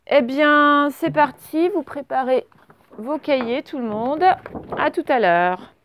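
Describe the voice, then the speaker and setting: A French woman teacher giving a slow dictation lesson to young children, stretching out words and spelling letters. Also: high-pitched, a bit bright, a little hiss or hum. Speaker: primary school teacher.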